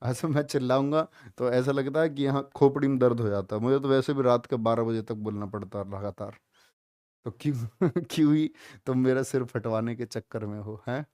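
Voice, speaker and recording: A man teaching a live online class, loud and emphatic, drilling students with repeated questions. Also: mid-range voice, steady tone, a little fast, no echo, clean studio sound.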